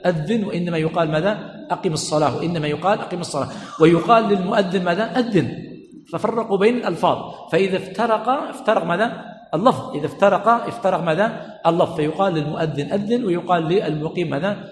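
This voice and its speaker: A man's voice: sits high, fast talker. A man teaching a religious lesson who keeps asking "what?" so listeners finish his phrases, and repeats each key point. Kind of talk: Islamic study lesson. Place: mosque learning center hall. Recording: echoey hall, faint room noise.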